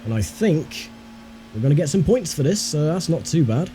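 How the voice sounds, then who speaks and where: A sim racer hosts a racing game video, casually commenting on his own driving over game car sounds and faint engine noise. His voice sits on the high side, very animated, with a dark tone and a moderate pace. The audio quality is poor.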